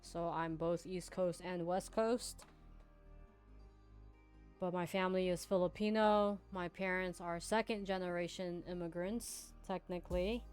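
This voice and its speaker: Woman, low-pitched, chatty, laughs easily, faint music behind. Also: steady tone, measured pace, darkish tone. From United States (Hawaii and Virginia). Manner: chatty, laughing, reads out viewer chat. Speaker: trading streamer. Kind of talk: casual live backtesting commentary.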